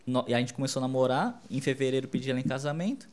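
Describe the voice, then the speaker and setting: A man telling a story with his wife in casual conversation, jumping in with quick, excited remarks. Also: medium pitch.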